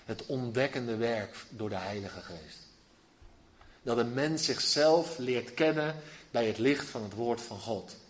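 A man preaching a sermon, asking his listeners questions and slowing to stress key phrases. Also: medium pitch. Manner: emphatic, rising to slow declaimed phrases.

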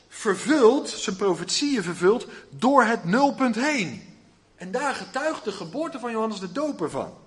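Guy giving a sermon, high voice, leans hard on slow stressed words, asks the room questions. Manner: emphatic, rising to slow declaimed phrases. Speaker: preacher.

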